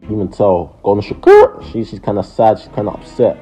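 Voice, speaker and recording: Young man, low bright voice, London roadman accent, casual voice-over banter. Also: huge pitch swings, a little fast, faint music behind. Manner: roadman slang-heavy delivery. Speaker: commentator. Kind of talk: casual comedic voice-over commentary.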